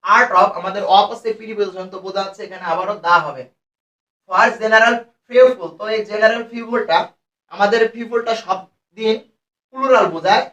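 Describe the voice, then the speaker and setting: A Bangladeshi man teaching English grammar. He explains each rule step by step and reads the example phrases out slowly. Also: high-pitched, a bit bright, lo-fi sound. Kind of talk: grammar lesson. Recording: echoey room, mic at a distance.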